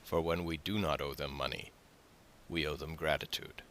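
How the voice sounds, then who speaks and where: A man's voice: rumbling low, fairly even intonation, moderate pace, a bit bright. A man voicing an eager young sailor back home, speaking in an earnest, emphatic way.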